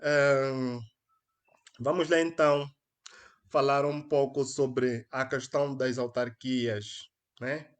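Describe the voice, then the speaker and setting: Over a headset mic, a young Angolan man hosts his solo live stream slowly, pausing often, in a flat, medium-pitched voice. His delivery is earnest and hesitant, with lots of fillers and restarts, and his accent is Angolan Portuguese.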